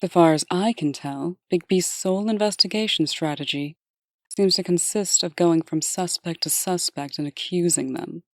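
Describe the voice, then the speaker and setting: In a comic dub, a woman voices a composed deputy who is dutiful and dryly candid. She speaks in a low, formal, measured way, with light acting and a dry recording that has no echo.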